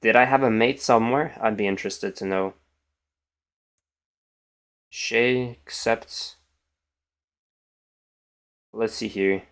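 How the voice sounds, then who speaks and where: A man's voice: on the low side, takes it slowly, pauses often, fairly bright tone, clear, resonant tone. A tired young man with a morning voice, thinking aloud as he streams chess and trails off into mumbles. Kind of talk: casual live-stream commentary.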